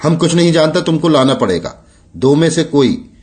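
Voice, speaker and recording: A man's voice: on the high side, sing-song, unhurried, pitched above the performer's own voice. A man voicing a drunk, brutal colonial agent who barks orders in broken Hindi. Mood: angry.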